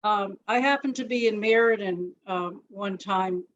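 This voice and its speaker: Woman, mid-pitch, casual halting storyteller, video call. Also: lo-fi sound. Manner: halting, with apologies and soft laughs. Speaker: community member sharing a memory.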